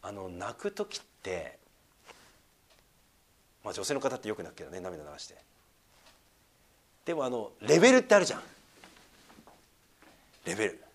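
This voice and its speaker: A man preaching a sermon as pastor, talking conversationally with questions to his listeners and swinging from emphatic lines to hushed, near-whispered asides. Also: on the low side, very animated, moderate pace, pauses often.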